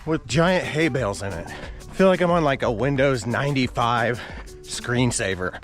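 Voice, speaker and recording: Male vlogger, mid-pitched, casual chat delivered while running outdoors, action-camera sound with music underneath. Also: animated, normal speed. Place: outdoors on roads by fields. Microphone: action camera carried while running.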